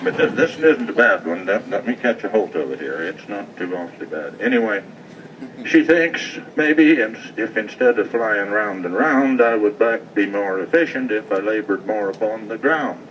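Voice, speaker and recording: A man's voice: fairly low pitch, lively intonation, moderate pace, hardly any pauses, fairly bright tone. A middle-aged man with a rural American West accent and a folksy cowboy drawl, reciting cowboy poetry live. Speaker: cowboy poet, rancher. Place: festival stage, live event. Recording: distant mic, muffled, noisy event sound.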